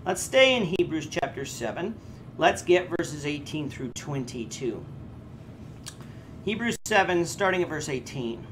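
A man in his thirties leads a Bible class with an earnest, explaining manner. His pitch swings widely as he talks, and he often stops and restarts. Faint ambient hum sits behind him. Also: unhurried. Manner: earnest, with lively rises in pitch and frequent hesitations. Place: indoors before a red curtain. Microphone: camera framed chest-up.

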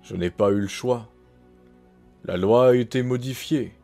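A man voicing a grim mage hunter who states the law flatly. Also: medium pitch, unhurried, creaky, faint music behind. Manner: grim, matter-of-fact.

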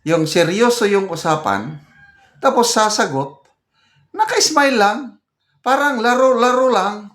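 Brief: older Filipino retired general, slightly high voice, slow, indignant commentary, echoey room. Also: male voice, animated, a bit bright. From Philippines. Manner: reads comments aloud, chuckles, indignant. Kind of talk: casual political commentary. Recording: roomy echo.

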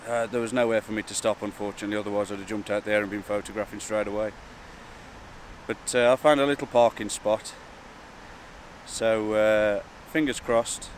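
A man, talking casually and a little hesitantly to camera as a wildlife vlogger, outdoors beside rushing water. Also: lowish voice, rough recording. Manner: informal, hesitant and chatty. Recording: outdoor wind, rushing water and traffic noise.

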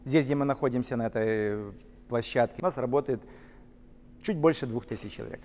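A middle-aged man, a company co-founder, telling his story in an interview, lively and gesturing as he walks through large factory halls. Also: mid-range voice, fairly quick, in a large hall. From Ukraine. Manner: animated, gesturing while walking and talking. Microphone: camera-mounted shotgun mic.

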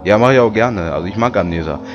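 A man commenting on a horror game, joking and reading the English on-screen text aloud haltingly. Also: on the low side, animated, lo-fi sound, over music. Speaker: let's play commentator. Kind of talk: casual gaming commentary.

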